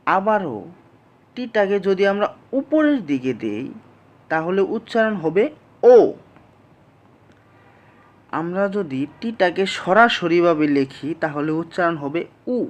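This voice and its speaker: A teacher giving a slow, patient language lesson, explaining each sound step by step and repeating it back to the class. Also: mid-range voice, big pitch swings.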